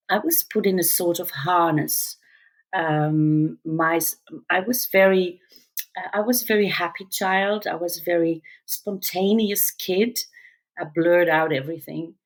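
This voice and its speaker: A Dutch-speaking woman in her fifties, a musical theater actor, appears as a guest in a casual conversational interview. She has a low voice and a non-native accent mixing English and American. She's reflective and halting, with fillers and restarts.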